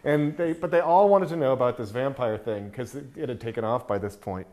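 A man's voice: mid-range voice, fairly quick, a little mellow. A man, an author, telling wry anecdotes on stage in a panel conversation, with many fillers. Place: stage before a live audience.

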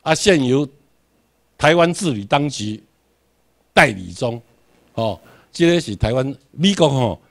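A man's voice: mid-range voice, expressive, unhurried, gravelly, long pauses. A man from Tainan with a Taiwanese accent, giving a classroom lecture, emphatic, putting rhetorical questions and answering them himself. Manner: emphatic, repeats key words for drilling.

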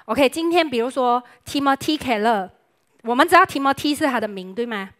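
A young woman preaching a lively sermon with jokes, chatty and playful, dropping English words into her talk. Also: high-pitched, a little fast.

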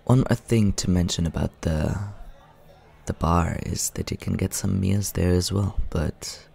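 Holding a steady tone, a man performs Scaramouche, a suave vampire with a deep, creaky voice, in full character for a soft ASMR roleplay. He addresses the listener calmly and explanatorily, his low, soft voice unhurried, polished, and teasing.

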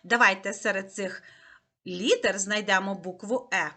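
A woman teaching a lesson to small children in a slow, coaxing, sing-song way. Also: medium pitch, sharp tone. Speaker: preschool teacher.

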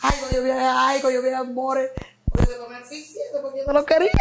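A woman's voice: high voice, little pitch movement, fast talker, creaky, very noisy. A Dominican woman with a Dominican Spanish accent, a guest in an interview, telling stories expressively with laughs and acted-out quotes. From Dominican Republic. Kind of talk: animated storytelling chat.

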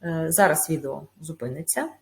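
A woman teacher giving a recorded video lesson. She explains step by step in a measured way, with small hesitations. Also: low-pitched. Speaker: school teacher.

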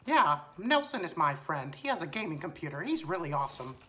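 A man's voice: on the high side, big pitch swings, brisk, pushed and bright, a little hiss or hum, voice pushed down. A man voicing a cheerful male cartoon mouse as a prank on game voice chat, sheepish and evasive. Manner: sheepish, evasive, playfully silly.

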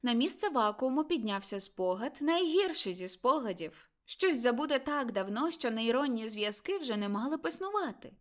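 A woman narrating a dramatic audiobook, expressive and slowing for tense moments. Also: a little high.

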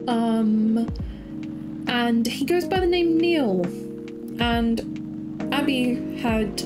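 A woman streaming a game, chatting affectionately and playfully with her viewers. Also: a little high. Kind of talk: casual live-stream chat. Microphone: desk mic.

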